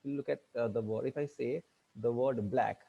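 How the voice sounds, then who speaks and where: Male lecturer, mellow and breathy, halting online grammar class delivery. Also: medium pitch, lo-fi sound. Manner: halting, many fillers and restarts, spells words out letter by letter. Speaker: teacher.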